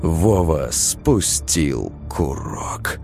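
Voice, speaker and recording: Deep male narrator, gravelly, slow, lively intonation, faint music behind. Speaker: audiobook narrator. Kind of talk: scripted narration.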